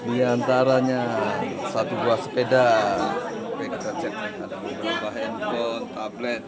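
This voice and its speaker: A man's voice: mid-range voice, flat delivery, normal speed. A man with an Indonesian accent presenting giveaway prizes in a casual vlog, listing items in short phrases. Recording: loud crowd chatter behind, handheld camera.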